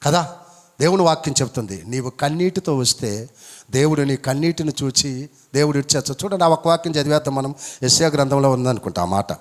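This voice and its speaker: A male pastor preaching a sermon, driving points home with rhetorical questions and high emphatic peaks. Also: animated, a little fast. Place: church hall. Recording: long church hall reverb.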